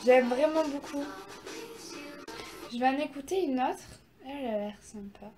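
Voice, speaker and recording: A woman's voice: sits high, unhurried. Chatty young woman with music behind. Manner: chatty, rambling, self-mocking. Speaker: YouTuber reacting to music. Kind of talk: casual reaction vlog chat. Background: music playing.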